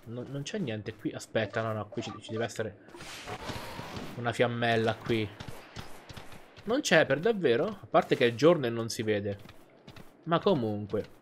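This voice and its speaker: Chatty man with lively commentary. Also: medium pitch, unhurried, pauses often, slight background noise. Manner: chatty, thinking aloud, exclamatory. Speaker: gaming YouTuber. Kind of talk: let's play commentary. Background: faint game music.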